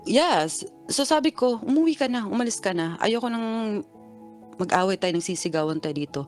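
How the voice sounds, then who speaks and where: A woman caller in her thirties, from the Philippines, tells her story in an animated way. She acts out both sides of an argument, and her voice jumps up high when she quotes it. Faint music plays under the call. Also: normal speed. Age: 30s. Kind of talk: phone-in confession.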